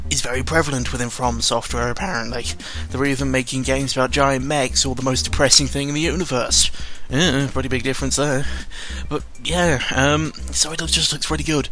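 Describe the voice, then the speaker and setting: A gaming video creator talks over background music, his medium-pitched voice pushed and bright. His commentary is casual and unscripted, rambling, self-deprecating and full of swearing.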